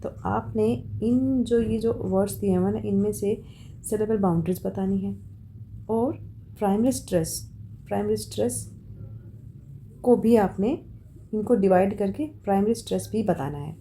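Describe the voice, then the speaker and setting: A woman, tutoring for an exam, who explains slowly in Hindi and reads out English questions, with many fillers. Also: medium pitch, dark tone, slight background noise. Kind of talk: informal exam-prep lesson.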